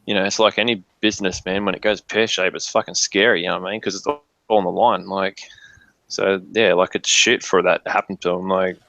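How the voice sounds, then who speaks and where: A man's voice: low-pitched, steady tone, a little fast, vocal fry, bright, forceful tone. A man chatting casually in sweary, laid-back slang. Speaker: livestream co-host. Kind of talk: casual chat. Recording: muffled lo-fi mic, roomy echo.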